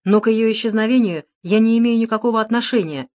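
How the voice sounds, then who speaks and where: A woman's voice: on the high side, quick pace, darkish tone, voice pushed up, close to an everyday voice. A woman voicing a frightened, blustering male bank director in an audiobook, whining and snapping in panic. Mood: panicky. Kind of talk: audiobook character reading.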